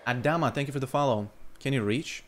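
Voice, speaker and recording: A young man from Lithuania, streaming live gameplay commentary into a headset and talking to his chat, breaking into loud exclamations. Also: medium pitch, quick pace. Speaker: gaming streamer.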